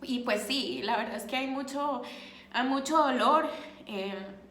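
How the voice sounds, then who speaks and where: A woman with a Costa Rican accent speaks to her viewers in a casual vlog, earnest and thoughtful, pausing often to find her words. Her voice sits a little high. The room is echoey, with a faint hiss behind her. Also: a bit bright. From Costa Rica. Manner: earnest and reflective, searching for words. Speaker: vlogger. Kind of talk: casual vlog talk to camera.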